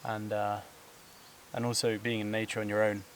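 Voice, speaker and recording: A man with a fairly low voice vlogs on a steep hillside trail, out of breath from the climb. He rambles in a loose, casual way, full of fillers and quick laughs. A faint buzz of insects hangs behind him. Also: monotone, a little hiss or hum. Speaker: vlogger. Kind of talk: casual talk to camera while hiking. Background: buzzing insects.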